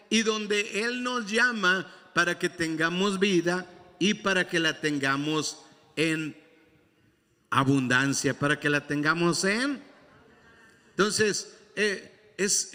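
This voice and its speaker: A man preaches in a church, his voice pitched high for a man. He repeats his key lines and calls on the congregation to respond. A long reverb from the sanctuary trails every phrase. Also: bright, forceful tone. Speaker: pastor. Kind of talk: sermon.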